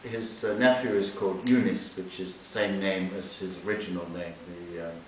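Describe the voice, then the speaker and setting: Heard from a distance in a library room, a man who translates literature introduces a novel and reads a passage aloud at a live event. He has a deep voice with fairly even intonation and a normal pace, and the far-off recorder leaves the audio echoey and hissy.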